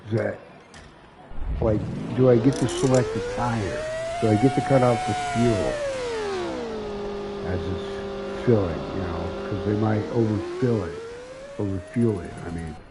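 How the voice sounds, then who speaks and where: Low-voiced man mumbling over gameplay. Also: unhurried. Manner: thinking aloud, mumbling, swearing in frustration. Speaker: gaming channel host. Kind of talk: casual gameplay commentary. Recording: game sounds running underneath. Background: racing game engine noise.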